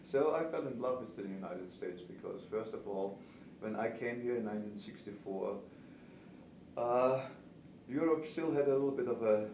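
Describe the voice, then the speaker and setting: Speaking with an Austrian accent, this German-native pastry chef and cake instructor in his seventies responds to interview questions in an expressive, slightly mellow mid-range voice at a moderate pace. The sound is noisy and distant, with plenty of room echo.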